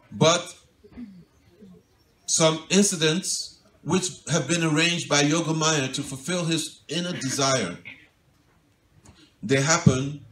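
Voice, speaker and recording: A man giving a devotional sermon, recorded from across a roomy hall with a touch of faint background hum. His voice sits somewhat high for a man, and he tells the story gently and wistfully, sinking to a soft hush when he voices a plea. The mic is set well back from him. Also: distant mic. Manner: gentle, wistful storytelling, voice drops soft and quiet for quoted pleas. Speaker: monk giving a devotional lecture.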